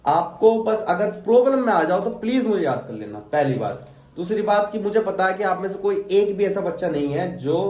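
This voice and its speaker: Young male teacher, higher register, casual encouraging classroom talk, roomy echo. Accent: Delhi Hindi. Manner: encouraging, conversational. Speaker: math teacher.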